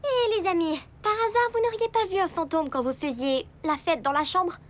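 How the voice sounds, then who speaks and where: A woman voicing an earnest, quick-thinking, anxious teenage girl in a French cartoon dub. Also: extremely high pitch. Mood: nervous.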